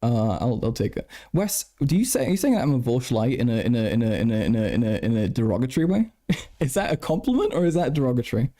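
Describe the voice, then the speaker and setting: A live streamer with a medium-pitched, dark-toned voice talks fast, his pitch swinging widely. Tired and casual on a late-night stream, he stutters, repeats words and swears while answering his chat.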